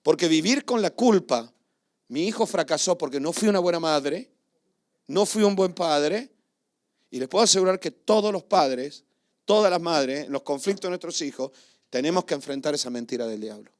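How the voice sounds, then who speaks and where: A man's voice: a little high, lively intonation, moderate pace. Emotional male pastor preaching a sermon. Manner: emotional storytelling, swings between loud and hushed.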